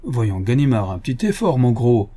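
A man reading the part of a cocky, mocking gentleman thief in an audiobook, taunting and condescending. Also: mid-range voice, big pitch swings, moderate pace.

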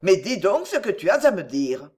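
A woman's voice: mid-range voice, sing-song, moderate pace, darkish tone, close to an everyday voice. A woman reading the lines of a bewildered, worried father, who asks puzzled, pleading questions.

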